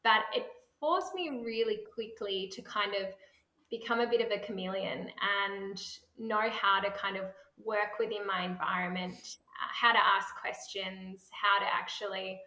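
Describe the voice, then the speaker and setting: A woman's voice: mid-range voice, fairly even intonation, a little slow, bright, forceful tone, echoey room, rough recording. An Australian woman from Tasmania, a startup co-founder giving chatty interview answers and laughing often between phrases.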